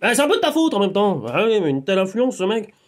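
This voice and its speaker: A man's voice: high-pitched, quick pace. Hypnotherapist, male, chatty vlog monologue, swings between muttered asides and sudden exclamations. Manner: animated, talks to an unseen friend, swings from muttering to exclaiming. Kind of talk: rambling casual monologue.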